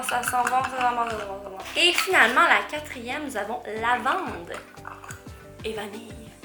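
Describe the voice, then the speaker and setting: Gushing high-voiced Québécois woman. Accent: Québécois French. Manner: gushing, excitable, exclamatory. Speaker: vlogger. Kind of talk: unboxing chat to camera. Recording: roomy echo with faint music.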